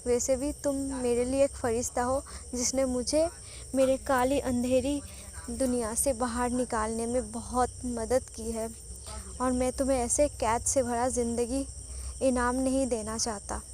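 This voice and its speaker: Teasing possessive mafia husband as a woman reads him, high voice, faint hiss. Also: flat delivery, a little slow, darkish tone, lightly acted. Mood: remorseful. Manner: teasing, smirking.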